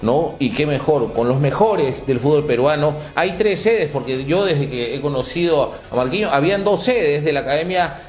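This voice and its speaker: A man's voice: a little high, moderate pace, hardly any pauses, roomy sound, faint music behind. A middle-aged man hosting a TV interview in a promotional way, often turning to speak directly to the viewers. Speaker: TV host. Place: television studio.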